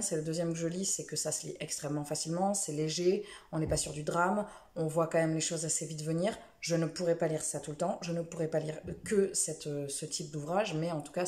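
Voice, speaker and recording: In a low, slightly mellow voice with a roomy sound, a book vlogger chats about her week's reading. Her talk meanders a little, packed with fillers and self-corrections.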